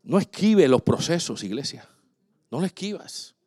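A pastor preaching a sermon, dramatic, swinging between loud exclamations and hushed asides. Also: male voice, on the high side, very animated, a little slow, husky, dry recording, studio quality.

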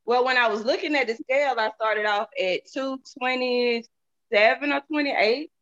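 A woman's voice: a little high, moderate pace, fairly bright tone. A woman from the southern United States with a Southern accent, chatting casually and candidly in a folksy way, repeating phrases for emphasis. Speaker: interview guest, product seller. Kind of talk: casual testimonial chat. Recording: dull lo-fi audio.

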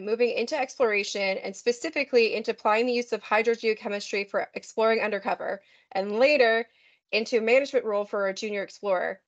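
A woman's voice: on the high side, muffled recording. A woman hosting a podcast, chatty and upbeat, reading a scripted intro and asking questions. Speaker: podcast host.

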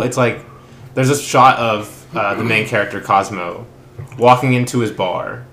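A man's voice: medium pitch, a bit bright, reverberant, a little hiss or hum. A man co-hosting a casual film podcast, rambling with many restarts and fillers. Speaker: podcast co-host.

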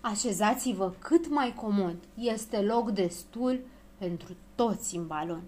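A woman's voice: medium pitch, a little mellow, lightly acted. A woman reading aloud, voicing a fussy, obliging little male dwarf who talks politely and frets. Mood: fretful. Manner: polite, fretful and self-effacing.

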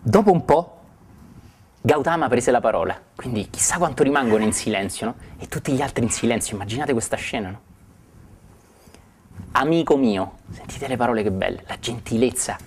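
Marveling spiritual teacher. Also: male voice, mid-range voice, fairly quick, a little hiss or hum. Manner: warm, marveling, asides to the listeners. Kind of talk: spiritual talk retelling a story.

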